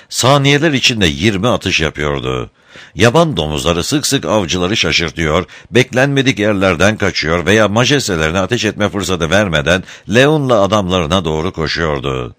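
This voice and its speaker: A man narrating a novel as an audiobook, in a scripted, expressive storytelling manner. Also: low voice, no echo, studio quality.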